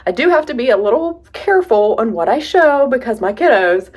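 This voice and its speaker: A middle-aged woman vlogger chatting casually as she shows her home storage, relaxed and laughing at herself. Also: on the high side, brisk. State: a little out of breath. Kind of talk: casual home tour narration.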